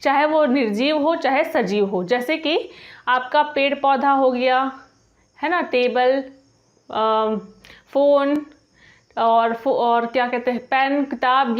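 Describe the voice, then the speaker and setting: High-voiced woman teaching a grammar lesson. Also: dull audio. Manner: patient, repeats each example, slows on example phrases. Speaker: language teacher.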